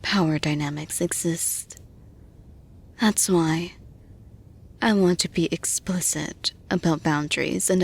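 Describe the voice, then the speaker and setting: In an intimate, heavily acted roleplay audio, a woman plays a composed female boss speaking softly and slowly straight to the listener. Her voice is breathy and a little low, measured, supportive and reassuring.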